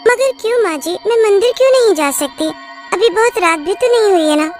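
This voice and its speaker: A woman voicing a cheerful, skeptical young bride who talks in a bright, teasing way. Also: very high voice, expressive, normal speed, soft background music, pitched above the performer's own voice. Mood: pleading.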